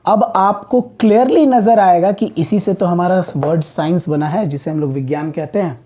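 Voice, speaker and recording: A man's voice: high-pitched, moderate pace, mellow. A man teaching English vocabulary as a classroom lecture, explaining words patiently, step by step.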